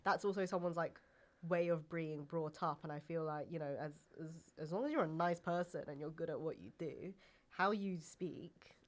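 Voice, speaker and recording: Speaking at a moderate pace in a low-pitched voice, a young woman from England chats as a podcast guest. She leans heavily on fillers such as "like" and "um."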